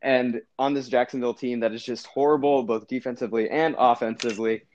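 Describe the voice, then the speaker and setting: A man's voice: mid-range voice, a little fast, dull audio, slight background noise. A man co-hosting a casual sports podcast, rambling and correcting himself as he talks through his team's season. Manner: rambling, self-correcting, animated. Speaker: podcast co-host.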